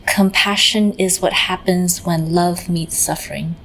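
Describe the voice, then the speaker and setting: In this rough recording, a constant low level of background noise sits beneath a woman guiding a meditation. She is a meditation teacher whose voice is gentle and on the lower side. She speaks slowly and evenly, barely changing pitch, and leaves pauses partway through her phrases.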